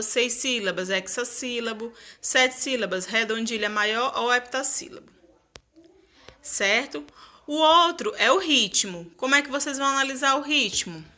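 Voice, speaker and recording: A woman's voice: fairly high pitch, pushed and bright. A woman teacher explaining a lesson to her students, asking them rhetorical questions as she goes.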